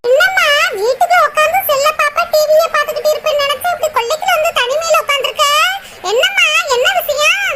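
A woman's voice: extremely high pitch, quick pace, background noise. A woman voicing a caring older sister in a cartoon, firm but tender, in a southern Tamil Nadu accent. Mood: consoling. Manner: scolding yet tender, lamenting. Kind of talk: cartoon voice acting.

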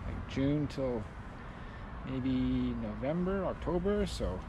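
Thirties male vlogger, laid-back and unhurried, outdoor camera audio with crowing roosters. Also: mid-range voice, lo-fi sound. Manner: relaxed and rambling, with many fillers. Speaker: vlogger, hotel worker. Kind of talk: casual vlog chat. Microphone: camera at arm's length. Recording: outdoor recording with loud rooster noise.

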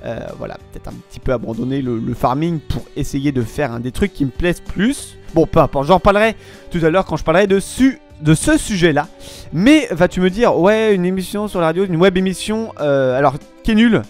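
A man's voice: fairly high pitch, expressive, a little fast, a little mellow, soft background music. A young man hosting a casual web radio show in French, rambling with many hesitations and restarts and promising to get back to topics later. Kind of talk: casual solo radio-style chat.

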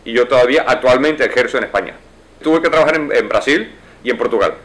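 An American lawyer in his forties who is running for judge gives fluent, explanatory answers in a seated interview. His mid-range voice is fairly bright and fast. The setting is an indoor, wood-paneled office.

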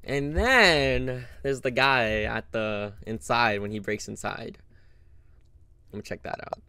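A young man doing horror game commentary, jumpy and talking to his viewers, with sudden yelps and shouts at scares. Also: medium pitch, takes it slowly, smooth, dry recording. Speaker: gameplay streamer.

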